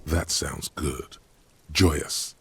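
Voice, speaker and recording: An actor voicing the narrator of a video game, speaking in a measured, ominous way. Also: male voice, extremely low pitch, steady tone, vocal fry, music in the background, exaggerated voice. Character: deep-voiced male game narrator, solemn.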